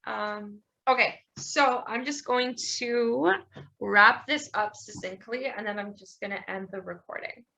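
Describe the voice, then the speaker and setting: A young woman with a bright, clear tone hosts a relaxed podcast conversation. She rambles through her points, restarts her sentences and laughs easily while complimenting her guest. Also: medium pitch, measured pace, highs cut off. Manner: rambling, laughs often, warm praise. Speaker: podcast host. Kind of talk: casual interview chat.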